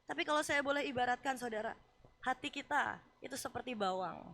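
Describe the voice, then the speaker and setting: Woman pastor, Indonesian accent, high bright voice, chatty animated sermon. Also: fairly quick, creaky. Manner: animated, acts out voices of Job and God; conversational, casual asides.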